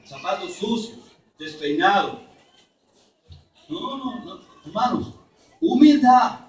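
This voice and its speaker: A man from Mexico preaching a sermon at a church conference, emphatic, then dropping to soft low asides. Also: animated, slow. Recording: roomy echo, from far off.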